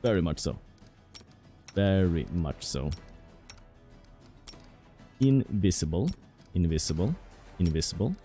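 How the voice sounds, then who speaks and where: A man's voice: low-pitched, animated, takes it slowly, pauses often, dark tone, faint music behind. A man casually commentating as he plays a role-playing game, thinking aloud about tactics. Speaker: gameplay commentator. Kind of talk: let's play commentary.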